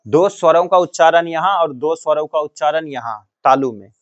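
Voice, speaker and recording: In a coaching classroom, a male teacher from Bihar, India repeatedly asks his students the same grammar question and answers it for them. His voice is a little high at a moderate pace, heard through dull audio.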